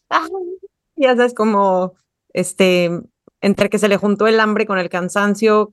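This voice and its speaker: A woman's voice: medium pitch, no room sound, studio quality. A woman hosting a podcast, chatting casually and asking long, winding questions. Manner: asks long, rambling questions. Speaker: podcast host.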